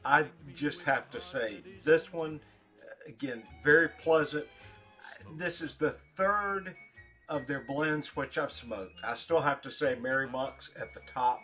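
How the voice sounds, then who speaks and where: Man giving a halting, casual review. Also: a little high, pushed and bright, soft background music. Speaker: pipe tobacco reviewer. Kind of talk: casual spoken product review.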